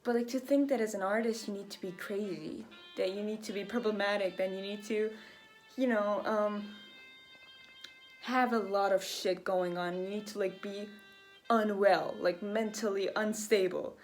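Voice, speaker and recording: A young woman with a medium-pitched, steady voice vlogs at a moderate pace. Her talk is chatty and reflective, rambling along with plenty of fillers as she thinks aloud, while faint jazz plays in the background.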